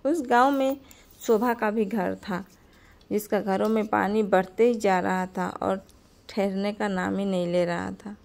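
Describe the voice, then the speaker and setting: A woman narrates a simple family cartoon story in a homely storytelling manner. Her voice sits at a middle pitch and stays plain and unforced. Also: steady tone, measured pace, vocal fry, darkish tone.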